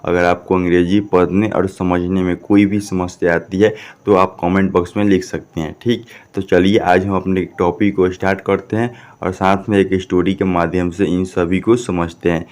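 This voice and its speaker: A man's voice: sits low, level tone, normal speed, few pauses, darkish tone. A man, teaching a classroom English lesson, who spells out words and keeps checking with "ठीक?". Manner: repeats "ठीक?" often, asks and answers his own questions.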